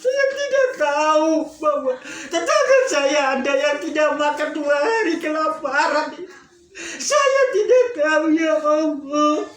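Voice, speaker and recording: Man voicing a sobbing remorseful rich man; high, shouted wails, roomy echo. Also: animated, takes it slowly, heavily acted. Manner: wailing, crying out. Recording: roomy echo, faint ambience.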